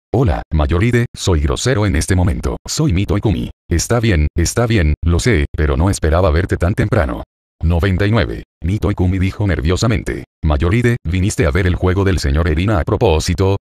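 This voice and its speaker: Male narrator, very low voice, dry close sound, flat machine-read delivery of a serial novel. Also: dry recording. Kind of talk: text-to-speech novel reading.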